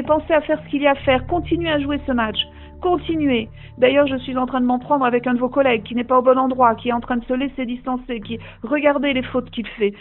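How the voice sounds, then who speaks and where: A woman leading a guided sports visualization, urging listeners on with repeated short commands. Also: sits high. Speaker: coach guiding a visualization. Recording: tinny phone-like line with faint music.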